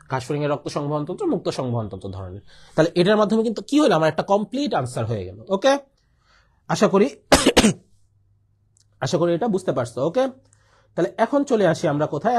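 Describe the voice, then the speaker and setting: Young Bangladeshi-accented man as a tutor, husky voice, lively pitch, coughs between points. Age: young adult. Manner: repeats key points, asks and answers his own questions, coughs often. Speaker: biology tutor. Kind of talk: online exam-prep lecture.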